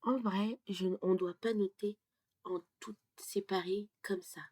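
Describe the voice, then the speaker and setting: A woman teaching French pronunciation, explaining slowly and dropping to a half-whisper as she writes things down. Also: medium pitch, steady tone, darkish tone, breathy edge, no room sound. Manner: slow and deliberate, often drops to a half-whisper while writing. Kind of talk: slow explanatory lesson while writing on a board.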